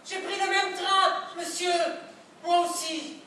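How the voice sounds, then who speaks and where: A woman acting a prim, overly polite wife in an absurdist stage play, speaking with measured, ceremonious politeness. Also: very high voice, flat delivery, pushed and bright, a little hiss or hum, exaggerated voice. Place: theatre stage. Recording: echoey stage sound from a distant mic.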